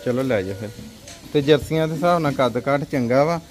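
A young man with a Punjabi accent hosting a casual livestock sale video in a farm cattle shed, asking brisk questions. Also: mid-range voice, soft background music.

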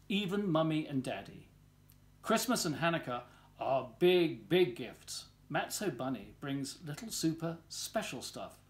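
A volunteer story reader in his sixties reads a children's picture book aloud in his living room at home. His voice is a little high for a man and rises and falls in a lively way as he tells the story expressively and deliberately.

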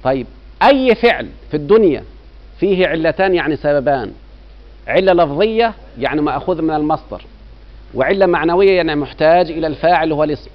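A man's voice: on the high side, animated, fast. A middle-aged man with an Egyptian Arabic accent teaching grammar, constantly asking his students whether they follow. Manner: keeps quizzing students with rhetorical checks. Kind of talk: classroom lecture. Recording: dull lo-fi recording.

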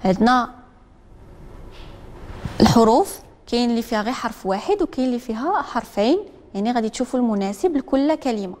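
Moroccan woman teacher, fast and brisk call-and-repeat delivery, echoey classroom. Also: fairly high pitch, expressive, a little mellow, a little hiss or hum. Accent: Moroccan Arabic. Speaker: literacy teacher. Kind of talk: classroom lesson. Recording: echoey classroom with long reverb.

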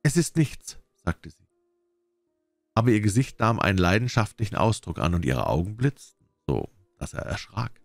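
Man reading a classic story aloud, low voice, dry close sound, faint music behind. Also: normal speed, gravelly, dry recording. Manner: expressive storytelling. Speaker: audiobook reader.

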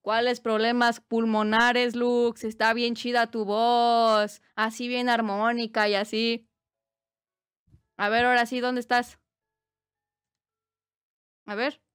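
Woman, Mexican accent, live-stream chat, playful teasing, high voice. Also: flat delivery, slow pace, pauses often, a bit bright, clear, resonant tone, faint music behind. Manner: playful teasing, bursts of squealing laughter. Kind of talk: casual live-stream chat, reading chat aloud.

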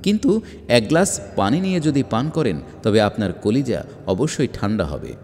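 A man reading a religious book aloud in a measured, emphatic way, with rhetorical questions. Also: medium pitch, big pitch swings, darkish tone. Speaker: audiobook reader. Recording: long hall reverb.

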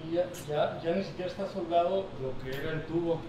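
A man's voice: a little high, steady tone, fairly quick, dark tone, very echoey, distant mic, slight background noise, poor audio. A man, tagging along on an exploration and asking uneasy questions inside a large abandoned building. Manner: uneasy, asks many questions. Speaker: exploring companion. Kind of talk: casual chat.

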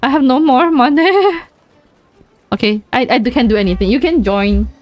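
A woman's voice: high-pitched, expressive, normal speed, darkish tone, dry recording. A young woman with a Chinese accent, a streamer chatting casually and playfully while she plays, giggling and repeating words in bursts. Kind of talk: casual gaming chat.

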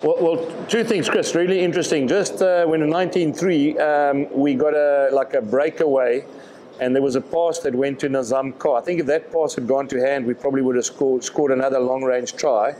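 A man, answering reporters' questions at a post-match press conference in a measured way, often repeating words as he thinks. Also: medium pitch, steady tone, a little mellow, slight background noise, rough recording. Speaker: rugby director of rugby.

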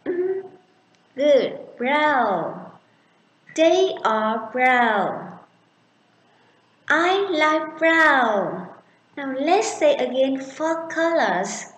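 A young woman teacher with a Vietnamese accent, drilling children slowly and clearly in an online English lesson on webcam. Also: sits high, big pitch swings, fairly bright tone, echoey room, rough recording. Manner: slow, clear, encouraging drilling.

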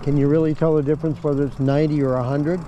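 A middle-aged man chatting casually in a vlog as he rides an e-bike down a residential street, musing and relaxed with plenty of fillers. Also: a little high, rapid-fire, dull audio. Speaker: e-bike vlogger. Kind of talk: casual vlog narration while riding. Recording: outdoor street traffic noise.

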